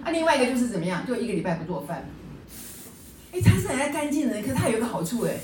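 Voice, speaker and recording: A woman's voice: on the high side, sing-song, rapid-fire, a little mellow, recorded from a distance, a little hiss or hum. A woman teacher leading a book study class, lecturing in a chatty way and often checking in with the class through rhetorical questions. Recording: echoey room, voice a bit off-mic.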